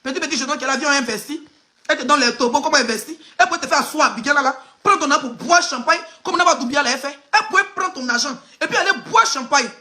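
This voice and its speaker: Pushed, bright and high-pitched, her speech moves fast. An Ivorian woman who blogs gossip online, she comments live in Ivorian-accented French, addressing her target head-on in a mocking, emphatic way.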